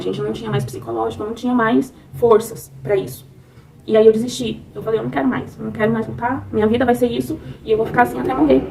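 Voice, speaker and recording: A Brazilian woman telling a personal story in a soft, heartfelt way, often adding "né?" to her sentences. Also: a little high, distant mic, rough recording. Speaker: vlogger. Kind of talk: personal testimony.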